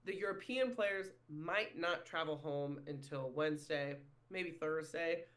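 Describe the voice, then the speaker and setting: A man's voice: a little high, a little slow, a bit bright. A man hosting a casual sports podcast, chatty and self-deprecating, often saying "if you will". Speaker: podcast host.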